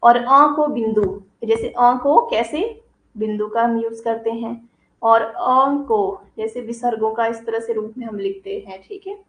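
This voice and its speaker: A woman's voice: fairly high pitch, measured pace, roomy sound, low-quality recording. A woman teacher giving a grammar lesson, explaining each term and then giving examples. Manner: explains terms, then gives examples, checks with "ठीक है". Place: coaching classroom.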